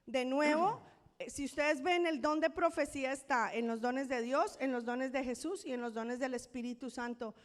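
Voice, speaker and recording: Woman pastor, high voice, earnest storytelling sermon, church hall reverb. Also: normal speed. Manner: earnest storytelling, acts out quoted dialogue. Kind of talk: sermon testimony. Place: church sanctuary.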